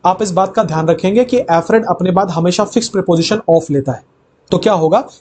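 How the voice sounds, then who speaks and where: A man teaching English grammar in a live online lecture. He explains quickly in Hindi, reads the English sentences slowly, and asks questions that he answers himself. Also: high voice, a little mellow, a little hiss or hum.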